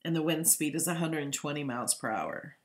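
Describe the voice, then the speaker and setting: A woman's voice: sits low, fairly quick. A woman hosting a live stream, talking casually and thinking aloud as she replies to viewers. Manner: chatty, informal, thinking aloud.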